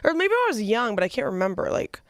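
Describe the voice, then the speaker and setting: A woman's voice: a little high, very animated, fast talker, no room sound, studio quality. A woman co-hosting a casual chat, talking loosely with many likes and restarts, a little hungover. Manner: chatty, lots of likes and restarts. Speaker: podcast co-host.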